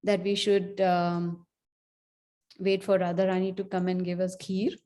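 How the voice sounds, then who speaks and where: This speaker has a fairly low, warm voice, delivered in a monotone at a measured pace. In her scripture class she recounts the story casually, with frequent asides and lots of "you know."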